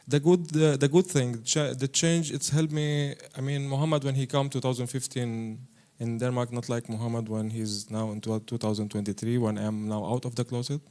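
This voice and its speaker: A man from Syria speaks on a panel in a halting way. He often stops, restarts and fills pauses. His voice sits in an ordinary middle pitch. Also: steady tone, warm tone. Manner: halting, many fillers and restarts. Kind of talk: panel discussion.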